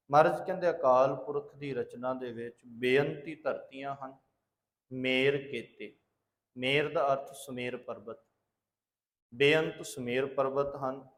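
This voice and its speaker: Male preacher, scripture exposition sermon; measured recitation of verses, then teacherly explanation with rhetorical questions. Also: medium pitch. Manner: teacherly, asks and answers his own questions. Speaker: Sikh preacher giving katha.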